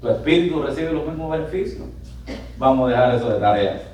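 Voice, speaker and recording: A male pastor preaching a sermon, animated and building up to loud exclamations, recorded in a church sanctuary. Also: medium pitch, brisk, recorded from a distance, slight background noise. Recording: echoey church hall miked from afar.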